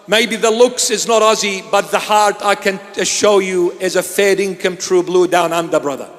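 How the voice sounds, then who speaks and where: A man from Iraq, a bishop, preaching a sermon in a large church hall. He speaks emphatically, repeating his phrases and sometimes breaking into shouts. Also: high-pitched. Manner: emphatic and repetitive, bursts into shouts. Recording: long hall reverb.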